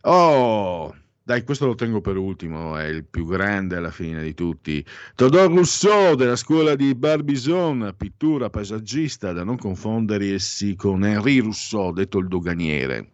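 Male host, very low voice, digressive commentator with lots of self-corrections, dull lo-fi dry sound. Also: lively intonation, measured pace, dry recording. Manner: ironic asides. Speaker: radio or podcast host reading daily anniversaries. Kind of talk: casual spoken commentary with opinions.

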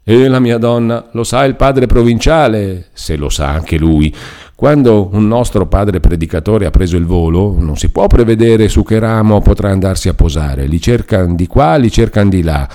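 A man's voice: on the low side, normal speed, dark tone, lightly acted. A man reading aloud and voicing a chatty, self-important older male friar who explains at length. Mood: garrulous. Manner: garrulous, explaining, reassuring.

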